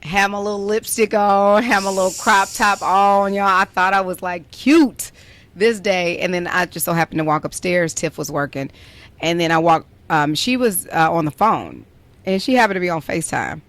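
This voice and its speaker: A dry recording captures a young adult podcast host whose voice sits on the low side with a slightly bright tone and moderate pace. She tells a story in a casual, playful chat, saying "like" a lot.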